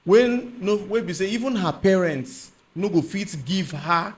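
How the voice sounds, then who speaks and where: A man's voice: high voice, animated, unhurried. A man with a Nigerian accent discussing things on a podcast panel, mixing Nigerian Pidgin with English.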